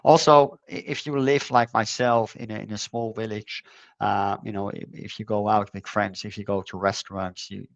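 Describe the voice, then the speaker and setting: A middle-aged man born in the Netherlands, chatting as an interview guest, with a halting way of talking full of fillers and repeated words. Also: lowish voice, little pitch movement, no room sound, dull audio. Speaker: conference co-organizer, guest. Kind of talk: casual conversational interview.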